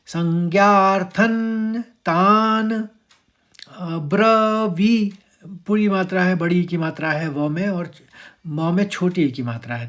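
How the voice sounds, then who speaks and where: Slow, patient man teaching verse pronunciation. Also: on the high side. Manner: patient, breaks words into syllables and demonstrates; chants verse lines louder and drawn out. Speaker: Sanskrit recitation teacher.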